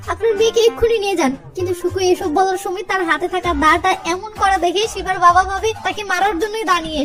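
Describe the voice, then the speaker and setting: Very high, fast woman narrator. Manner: brisk storytelling, reading out every character. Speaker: film recap narrator. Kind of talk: fast movie recap narration. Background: background music.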